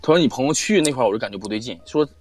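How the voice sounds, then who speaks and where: A man tells a spooky story at a quick clip. His pitch swings widely as he acts out what people said, swearing freely along the way. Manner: swearing, animated retelling with quoted dialogue. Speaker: storyteller guest on a live-stream show. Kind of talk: casual spoken ghost story.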